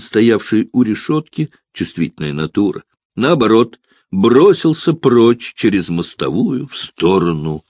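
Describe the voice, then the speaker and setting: Male audiobook narrator, low and animated, dramatic storytelling. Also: dry recording, clean studio sound. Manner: expressive, dramatic reading. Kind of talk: scripted narration.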